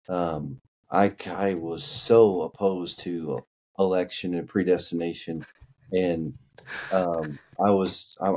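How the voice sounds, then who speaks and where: Appearing as a podcast guest, this Kentucky man talks casually in a low, warm voice with his home-state accent. He frequently repeats himself and restarts words while hunting for the right one.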